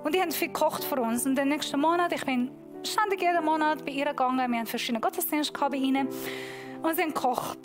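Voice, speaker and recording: High-voiced woman pastor preaching emphatically. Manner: emphatic preaching, slowing down to stress key points. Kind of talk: sermon. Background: music.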